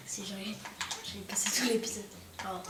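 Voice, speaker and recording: High-voiced woman chatting over a game. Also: recorded from a distance. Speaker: gaming video host. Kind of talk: casual game commentary. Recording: echoey room, off mic, noisy, clicks.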